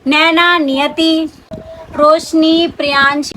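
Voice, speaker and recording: A woman's voice: high-pitched, level tone, takes it slowly, sharp tone, slight background noise, low-quality recording. A talkative young woman vlogger, pregnant, chatting casually as she answers her viewers' questions. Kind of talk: casual chat.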